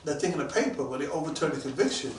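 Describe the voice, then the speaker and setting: An excitable New man around sixty, in a roomy space. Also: fairly high pitch, very fast, slight background noise. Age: about 60. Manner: animated, acts out quoted voices, gets excited. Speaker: guest, police detective. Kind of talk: casual interview storytelling. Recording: roomy, mic at a distance.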